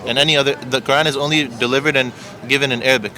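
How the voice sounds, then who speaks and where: Male street debater, rapid delivery, bright forceful voice, insistent and explanatory. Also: mid-range voice, steady tone, poor audio. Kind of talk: impromptu religious debate. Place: outdoors on an urban street.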